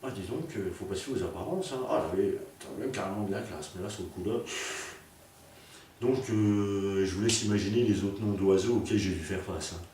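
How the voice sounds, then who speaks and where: Comic storyteller, male, low voice, full of puns and restarts; mic far off in a booming room. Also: fairly quick, warm tone. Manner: rambling, full of fillers and puns. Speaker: comedian. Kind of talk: rambling comic monologue. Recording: very echoey, distant, faint noise.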